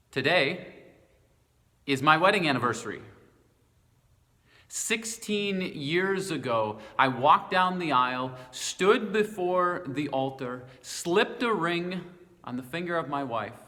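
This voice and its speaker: A middle-aged man leads a short devotional in a slow, unhurried way. His voice is bright and fairly high for a man, earnest and personal, with a touch of self-deprecating humor. A long reverb trails behind him, as in a church sanctuary. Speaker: pastor. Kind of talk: short devotional talk to viewers. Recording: long reverb from a large room.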